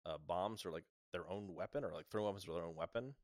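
A man's voice: deep voice, fast, a little mellow, no room sound, studio quality. A man chatting casually as a player in a tabletop game.

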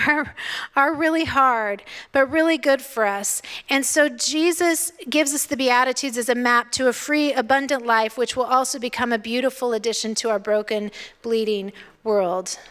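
Woman preacher, fifties, high voice, expressive sermon, long hall reverb. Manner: expressive, playful asides, drops to a hush for emphasis.

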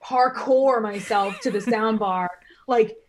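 Chatty woman on a podcast, kinda high voice, laughs thru her stories, faint hiss behind. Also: measured pace. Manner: animated, laughing storyteller. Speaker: podcast guest. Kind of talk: casual chat.

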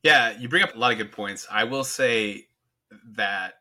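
A man's voice: mid-range voice, normal speed, bright, forceful tone. A man answering as a guest on a casual podcast, easygoing and reflective.

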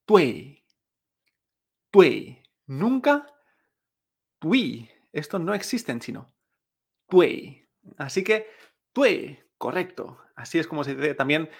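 A young man teaching Chinese pronunciation in Spanish, explaining slowly, repeating sounds and adding a checking "eh?". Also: on the high side, gravelly, a bit bright. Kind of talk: pronunciation lesson.

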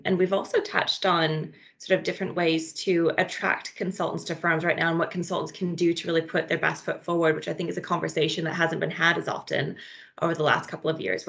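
A woman co-hosting a podcast, asking interview questions with enthusiastic, quick affirmations. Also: deep voice, creaky, a bit bright. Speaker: podcast co-host. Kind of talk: casual interview chat.

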